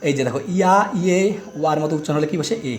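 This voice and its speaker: A man's voice: a little high, fairly even intonation, very fast, darkish tone, slight background noise. A middle-aged man teaching English grammar, explaining step by step and asking quiz questions as he goes. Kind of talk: grammar lesson explaining articles.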